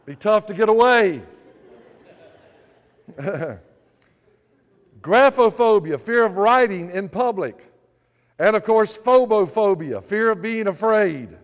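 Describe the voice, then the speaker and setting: High-voiced preacher man in a reverberant hall. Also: expressive, slow, long pauses. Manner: preaching with humor and storytelling. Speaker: pastor. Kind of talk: sermon.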